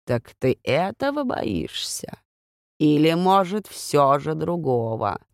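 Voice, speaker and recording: A woman voicing an unseen old female seer whose disembodied voice speaks slowly and cryptically from the darkness, a little hoarse. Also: sits low, very animated, no room sound, clean studio sound, heavily acted. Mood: cryptic. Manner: slow, cryptic, speaks in riddles. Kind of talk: audiobook character voice.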